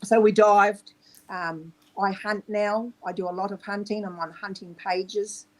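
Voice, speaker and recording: A woman's voice: mid-range voice, fairly even intonation, a little slow, poor audio. A middle-aged woman from New Zealand with a New Zealand accent, a podcast guest talking casually and hesitantly, with many ums. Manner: soft-spoken and hesitant, with frequent ums. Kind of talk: casual interview talk.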